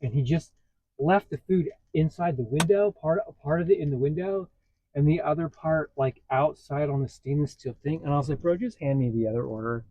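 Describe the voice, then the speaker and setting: A man casually telling stories in a vlog from inside his parked vehicle, getting animated as he retells what happened. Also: a little high, normal speed, muffled recording, slight background noise. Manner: chatty, animated when retelling a story. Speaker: vlogger.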